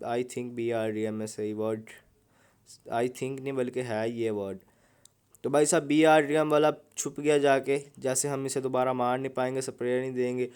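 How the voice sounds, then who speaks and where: A man's voice: mid-range voice, a little mellow, smooth. A young man, giving casual, joking commentary over mobile gameplay. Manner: joking, chatty, keeps saying "bhai sahab". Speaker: gaming YouTuber.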